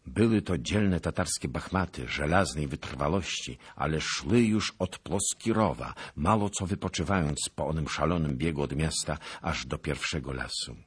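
Deep, husky male audiobook narrator. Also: moderate pace, few pauses.

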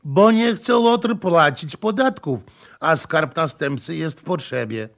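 A man's voice: fairly high pitch, a little slow, creaky, fairly bright tone, voice pushed up. A man doing a nasal pompous tax collector. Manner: pompous, threatening.

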